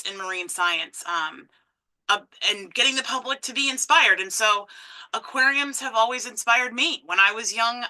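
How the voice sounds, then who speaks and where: In poor-quality audio, a Massachusetts woman in her thirties speaks at a medium pitch. She's a conservation director giving a personal talk, telling warm stories packed with ums and restarts.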